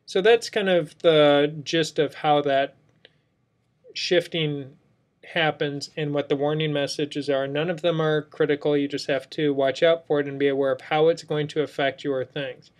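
Speaking at a moderate pace with fairly even intonation and a higher-pitched voice, a male software instructor narrates an unscripted screen tutorial. He works indoors over a screen recording, explaining each step in turn.

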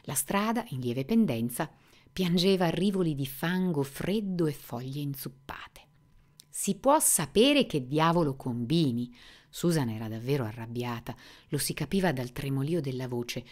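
Low-voiced woman reading a novel expressively. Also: a little mellow. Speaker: reader.

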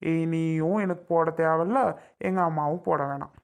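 A man's voice: a little high, steady tone, moderate pace, natural voice. A man playing an irritated young husband in a family skit, curt and sarcastic.

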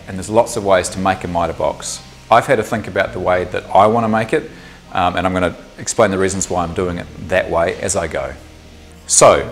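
A deep-voiced man in his thirties with a New Zealand accent explains a woodworking project step by step in a small indoor workshop. He's relaxed, thinking aloud with the odd um as he teaches the tutorial.

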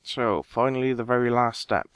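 A man's voice: mid-range voice, normal speed, clean tone, no room sound. A man giving casual step-by-step game walkthrough narration, talking straight to his viewers.

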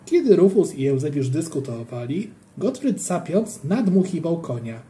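A reader telling a children's story in the voice of a schoolboy, playful and very animated. The pitch jumps around a lot, and the tone stays dark and mellow. The reading bounces along with the action of the story. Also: moderate pace. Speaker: audiobook reader. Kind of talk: storytelling narration of a children's book.

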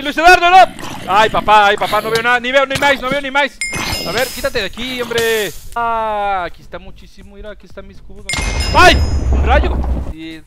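A young Mexican man streaming a game live, excitable, with loud outbursts and frequent laughs. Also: high-pitched, noisy background. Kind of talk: live gaming stream commentary. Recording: music playing behind the voice. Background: game music.

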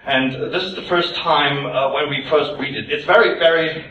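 Man, panel speaker, halting, roomy hall sound, distant mic. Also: fairly high pitch, bright, forceful tone, slight background noise. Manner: hesitant, many fillers and restarts. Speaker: panelist presenting the show's process. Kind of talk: conference panel talk. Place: convention panel room. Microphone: recorded from far off. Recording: echoey dull room audio from afar.

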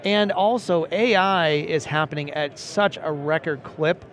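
A principal analyst in his forties, his voice a little high for a man, walks through survey findings in a conversational interview at a booth on a busy convention floor. He's unhurried, steady and explanatory, citing statistics and frequently checking in with "right?" as he makes each point.

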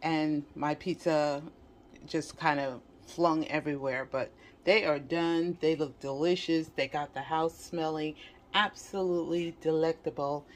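A woman's voice: low-pitched, steady tone, a little slow. A woman vlogger casually narrating her home cooking in a kitchen, talking to her viewers. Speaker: vlog host. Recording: faint kitchen room noise. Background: faint kitchen background noise.

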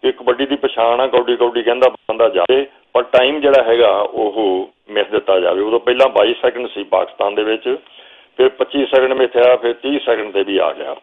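An older Punjabi man, a guest telling a long story from memory at an unhurried pace, now and then quoting what he told the players. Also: mid-range voice. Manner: slow reminiscing storyteller, quotes himself calling instructions. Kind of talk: storytelling interview. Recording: phone-like narrow sound.

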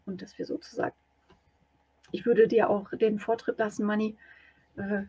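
A woman's voice: medium pitch, little pitch movement, normal speed, mellow, slightly rough, no room sound. A woman at a tabletop game table, patiently explaining the rules to the other players.

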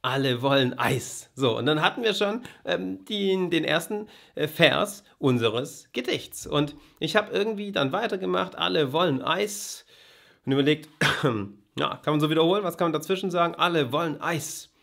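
A gravelly-voiced man with a slightly high pitch talks a viewer through writing a poem. He recites the verses slowly and rhythmically, tapping out the stresses, then speaks directly and warmly to the listener. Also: animated. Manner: addresses viewer directly, friendly. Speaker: writing coach. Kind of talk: casual video lesson on poetry writing. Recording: sound quality gets worse.

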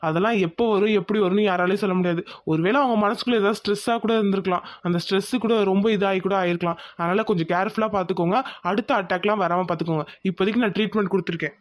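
A woman voicing a calm male doctor who reassures a worried family in a cartoon. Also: mid-range voice, racing, hardly any pauses, lightly acted. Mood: reassuring. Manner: reassuring, explanatory. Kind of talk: cartoon voice acting.

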